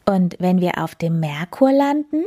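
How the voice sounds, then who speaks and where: Lady doing a happy little raccoon kid, bright-ish and bouncy, breathy. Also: fairly low pitch, very animated, a little slow. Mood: cheerful. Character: small curious young male raccoon, cheerful.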